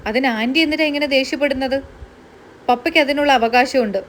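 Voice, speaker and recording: A woman's voice: sits high, fast talker, slight background noise, lightly acted. A woman voicing an earnest young daughter who pleads firmly with her father. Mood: pleading.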